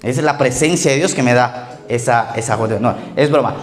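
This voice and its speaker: A man in his thirties preaching a relaxed, conversational sermon in a church, joking and often checking in with "ok?" and "right?". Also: medium pitch, a little fast. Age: 30s. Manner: joking, frequent "¿ok?" and "¿verdad?" tag questions. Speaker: pastor.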